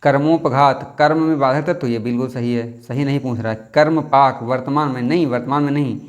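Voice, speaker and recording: Man, young adult, teacher, exam practice lesson, thinks aloud, drags out words while spelling, middle pitch. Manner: thinks aloud, repeats words and corrects himself; drawls words out slowly to spell them.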